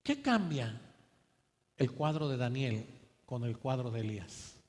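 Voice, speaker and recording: A man's voice: mid-range voice, very animated, a little slow, a little mellow. A man preaching a sermon, telling stories animatedly and acting out the voices of biblical figures. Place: church sanctuary. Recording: church hall with long reverb.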